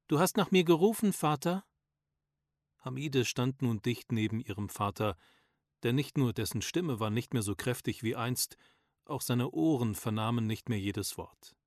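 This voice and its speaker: A man reading a story aloud as narrator, calm and measured, in scripted audiobook narration. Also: fairly low pitch, no echo, clean studio sound.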